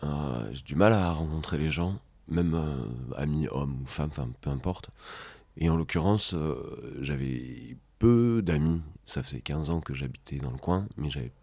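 A man's voice: extremely low pitch, normal speed, darkish tone, husky, dry recording. A man in his thirties from Brittany with a southwestern French accent, a podcast guest talking candidly and hesitantly, with many fillers and restarts. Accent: southwestern French, picked up in childhood. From Brittany, France. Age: 30s. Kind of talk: candid conversational interview.

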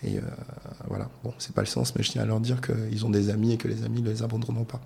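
Male entrepreneur, low gravelly voice, measured and hesitant delivery. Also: lively intonation, a little mellow. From Côte d'Ivoire. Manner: measured, explanatory, many hesitations. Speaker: entrepreneur guest. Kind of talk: casual interview talk.

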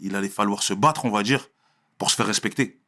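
A young man from Marseille with a Marseille accent, chatting casually in an interview, full of street slang and quick laughs. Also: lowish voice, sharp tone. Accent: Marseille French. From Marseille, France. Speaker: interviewee, rapper.

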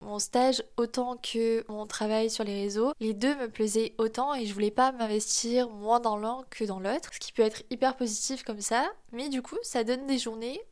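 A nasal, fairly high voice from a woman in her twenties. She hosts a podcast on her own and addresses listeners directly. Her delivery is casual and chatty, with a self-deprecating streak. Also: fairly even intonation, moderate pace, few pauses, a little mellow. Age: 20s. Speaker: podcast host.

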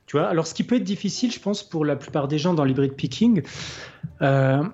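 A man's voice: fairly high pitch, expressive, fairly quick, a little mellow. A man hosting a podcast, casually explaining his guitar technique between played examples, thinking aloud with many hesitations. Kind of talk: casual explanatory chat with playing demos. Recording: slightly dull lo-fi sound. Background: faint guitar playing.

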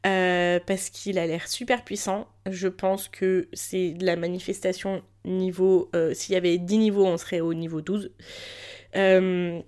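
A woman's voice: fairly low pitch, flat delivery, a little slow, darkish tone, clear, resonant tone. A woman hosting a casual solo podcast, speaking informally and motivationally to her listeners, her voice thickened and altered by tonsillitis, as if through swollen tonsils. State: sick with a throat infection. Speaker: podcast host.

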